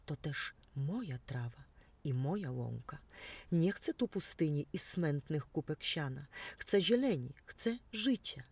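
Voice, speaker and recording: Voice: mid-range voice, lively intonation, a little slow, gravelly, a little mellow, breathy edge, distant mic, heavily acted. A storyteller voicing a small grey sparrow in a children's story, chirpy and eager. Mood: defiant. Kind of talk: storybook reading.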